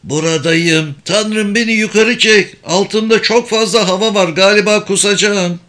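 A man voicing a daring, cheeky teenage boy climber who speaks in a raised, excited voice. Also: moderate pace. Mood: frightened. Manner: high, excited, breathless calls.

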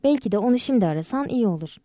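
A woman reading the lines of a kind, gentle adult man in an audiobook, with a soft, reassuring way of talking. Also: a little high, animated, very fast, no echo, lightly acted.

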